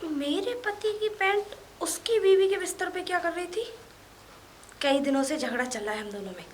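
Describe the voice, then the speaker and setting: A woman playing a feisty, sharp-tongued neighbour's wife in a comedy sketch, answering back quickly. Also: very high voice, lively intonation, slight background noise. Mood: angry. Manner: quick, retorting.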